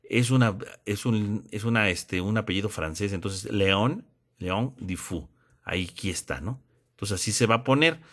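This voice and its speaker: A man's voice: fairly low pitch, moderate pace, a bit bright. A man teaching a theology lesson, explaining step by step and checking in with tag questions. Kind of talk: classroom lesson.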